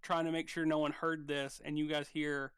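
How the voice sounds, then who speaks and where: A man's voice: fairly high pitch, level tone, normal speed, a bit bright, clean tone, no room sound. A man running a tabletop game as dungeon master, narrating loosely with many fillers.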